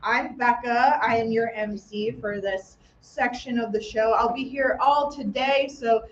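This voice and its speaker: A woman with a high, bright voice hosts a live festival from a theater stage, chatty and upbeat with playful self-joking asides. She speaks into a stage microphone. The sound is roomy and a little muffled, with faint noise behind her. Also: fairly even intonation, unhurried. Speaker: festival emcee. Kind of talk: live event announcements.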